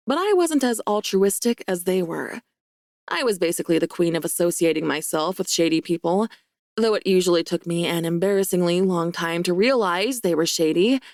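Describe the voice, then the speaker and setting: A woman giving first-person romance audiobook narration in a wry, lively, self-mocking way. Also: fairly low pitch, dry recording, studio quality.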